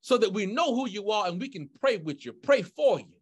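A man's voice: a little fast, slightly rough. A man preaching as a pastor in a church sanctuary, calling out to the congregation with rising fervor. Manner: singing then preaching with rising fervor, lively pitch. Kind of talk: sermon with sung opening and altar call.

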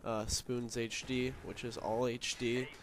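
A man's voice: mid-range voice, flat delivery, a little slow. Sick, nasal young man rambling. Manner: rambling, many fillers, swears casually. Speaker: gaming commentator. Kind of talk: casual gameplay commentary. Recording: noisy with game gunfire behind. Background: game gunfire.

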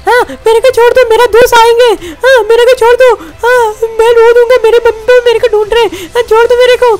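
A performer voicing a scared, whiny little male tiger cub who pleads in a squeaky voice. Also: little pitch movement, fairly quick. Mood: pleading. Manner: pleading, whining.

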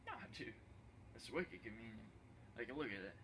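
A man's voice: on the low side, expressive, normal speed, sharp tone, a little hiss or hum. A young man playing a boastful, clueless slacker who rambles proudly through a tour of his cluttered basement. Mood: smug, rambling. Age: young adult. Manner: laid-back, rambling, proud, says "wicked convenient" over and over. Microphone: handheld phone camera held by the other man.

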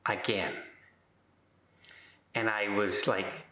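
A man's voice: lowish voice, fairly even intonation, very slow, bright, forceful tone, roomy sound. A middle-aged man telling a casual story in a rambling way, with many fillers and restarts. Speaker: vlogger.

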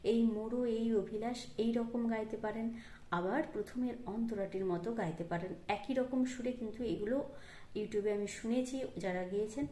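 A woman teaches a devotional song on the harmonium. She explains each phrase gently, sings it, and names the notes. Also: a little high, a little hiss or hum. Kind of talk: music lesson, speaking and singing. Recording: roomy sound with loud harmonium.

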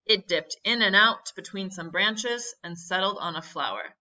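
A woman's voice: medium pitch, normal speed, sharp tone. A woman teacher reading a children's book aloud with expression, stopping to explain and ask questions. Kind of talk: read-aloud storytime with questions. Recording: muffled lo-fi audio.

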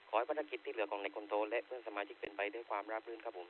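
A man's voice: lowish voice, steady tone. A man heard over a two-way radio, an amateur radio operator checking in politely with formal call signs. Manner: polite, measured radio protocol. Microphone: handheld radio. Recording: tinny two-way radio with faint hiss.

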